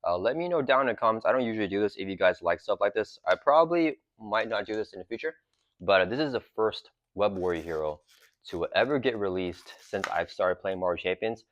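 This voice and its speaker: Brisk and lowish in pitch, this channel host's voice comes through on dull audio. He casually rambles while unboxing a card game, using plenty of fillers, nursing a sore throat with a cough drop in his mouth.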